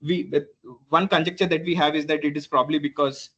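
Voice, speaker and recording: A man's voice: on the high side, fairly even intonation, a bit bright. Hesitant man defending a thesis, dull audio. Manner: hesitant and halting, with frequent stumbles, repeats and throat clearing. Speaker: PhD candidate.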